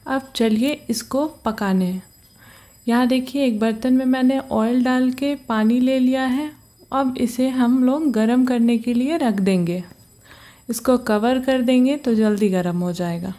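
With a slightly high, warm voice, a woman guides viewers through a recipe on her home cooking channel. Working in her kitchen, she proceeds slowly and patiently, narrating every step and pointing things out with a recurring "ye dekhiye."

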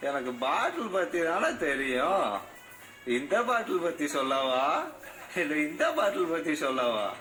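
A man putting on the voice of a mocking, tipsy young man with a slurred, drawn-out delivery. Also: a little high, very animated, a bit bright, reverberant, faint music behind, low-quality recording.

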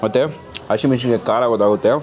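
A man's voice: on the low side, little pitch movement, rapid-fire, a little mellow, faint music behind. A man with a Kannada accent who reviews food, chatting with his mouth full as he eats at a small roadside eatery. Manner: chatty, eager to describe taste. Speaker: food vlogger. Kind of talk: casual food review vlog. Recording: noisy roadside ambience with vehicles.

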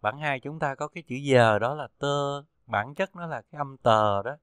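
A man teaching pronunciation, reading syllables one by one in a slow, deliberate drill. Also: mid-range voice, fairly bright tone, clean tone, no echo. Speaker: Chinese pinyin teacher.

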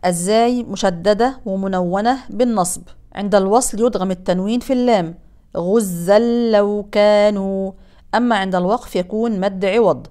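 A woman teaching Quran recitation rules, explaining briskly and then drawing out example words very slowly. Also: mid-range voice, mellow. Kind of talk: tajweed lesson with slow recited examples.

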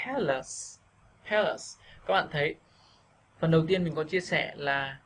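A man teaching a video lesson on English pronunciation, patiently repeating words slowly for practice. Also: fairly high pitch, fairly bright tone, a little hiss or hum.

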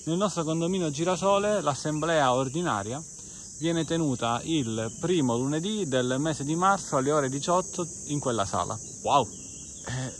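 A man's voice: a little high, animated, normal speed, slight background noise. Chatty man talking while walking outdoors. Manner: chatty, rhetorical, quotes imagined listeners. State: out of breath from climbing. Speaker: podcast host. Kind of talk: walking vlog talk. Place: outdoors on a trail by a cave.

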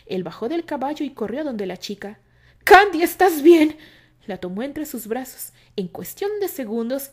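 A woman reading a romance fan fiction aloud as a storyteller. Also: medium pitch. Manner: narrates steadily, then acts out the characters' shouting. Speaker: narrator.

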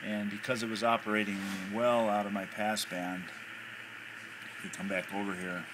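With a lowish, fairly flat voice at normal speed, an American amateur radio hobbyist thinks aloud hesitantly through a casual, impromptu demonstration. He's at his radio desk at home, captured in a noisy handheld recording.

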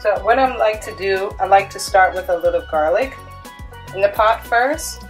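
A woman's voice: medium pitch, moderate pace, music in the background. Chatty woman cooking in her kitchen. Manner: chatty, upbeat, talks through each step. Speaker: cooking vlogger. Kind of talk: casual cook-along demonstration. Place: home kitchen at the stove.

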